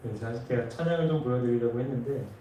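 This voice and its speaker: A man's voice: medium pitch, fast talker, mellow, distant mic, a little hiss or hum. Man preaching in an echoey church. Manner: earnest storytelling, rising with emotion at key moments. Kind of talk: sermon storytelling. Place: church sanctuary.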